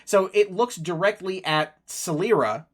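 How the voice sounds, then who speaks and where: A woman narrating as game master of a tabletop game, correcting herself as she goes. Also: on the low side. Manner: unhurried, lively narration with self-corrections.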